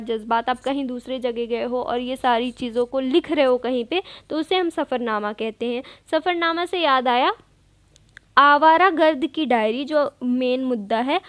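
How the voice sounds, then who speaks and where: A woman teacher going through exam questions one by one, patiently explaining and repeating each answer. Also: high voice. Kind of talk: exam revision lesson.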